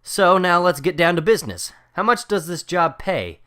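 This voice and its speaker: A man acting a cocky, quick-tempered teenage superhero in a dramatic comic book reading, brash and wisecracking. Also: high-pitched, big pitch swings, pushed and bright, full character voice.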